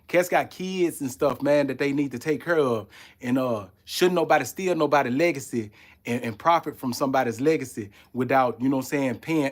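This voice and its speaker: A man from Haiti hosting a live podcast, talking loosely and rambling with plenty of "you know what I'm saying.". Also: mid-range voice. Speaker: podcast host. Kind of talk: casual live-stream talk.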